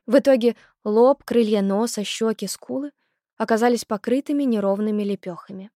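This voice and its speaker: Female audiobook narrator, higher voice, measured storytelling, dry studio sound. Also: dark tone, dry recording. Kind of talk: scripted narration.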